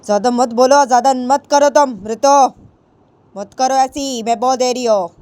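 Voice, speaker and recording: A woman doing a shrill, furious mother. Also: steady tone, moderate pace, darkish tone, no room sound, natural voice. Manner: shrill, insistent repetition. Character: angry scolding mother of a grown daughter.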